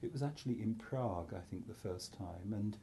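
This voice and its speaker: Addressing an audience, a middle-aged psychiatrist from North Wales is candid and pokes fun at himself, often restarting and drifting into asides. He has a lowish, mellow male voice and talks fairly quickly.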